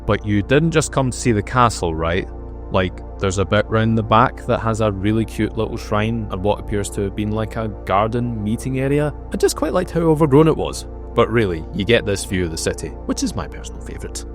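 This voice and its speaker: A man's voice: lowish voice, animated, a little fast, faint music behind. A man in his thirties narrating a travel vlog, with wry, sarcastic asides and playful emphasis. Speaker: travel vlogger.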